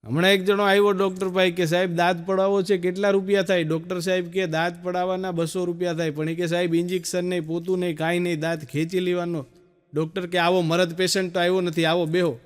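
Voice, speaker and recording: A man with a Gujarati accent telling stand-up jokes, storytelling and acting out quick dialogue. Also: high-pitched, level tone, clear, resonant tone. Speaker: stand-up comedian.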